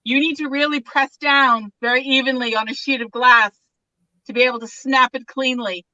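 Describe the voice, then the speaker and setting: Older American woman, guest, high bright voice, dry, dull-sounding call audio. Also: fairly even intonation, moderate pace, no echo. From United States. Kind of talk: casual chat.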